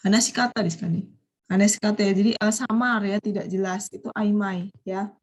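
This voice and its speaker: A woman's voice: mid-range voice, fairly even intonation, fairly quick. A woman teaching vocabulary on a video call, patient and explanatory. She keeps asking her students questions and weaves Japanese words into her talk. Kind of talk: online vocabulary lesson.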